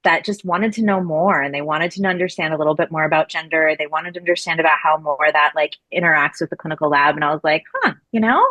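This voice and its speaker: This woman in her forties from Florida, USA, speaks low, fast, and bright with a forceful tone and hardly any pauses. A laboratory medicine researcher, she chats casually as an interview guest, full of fillers and restarts, and laughs easily.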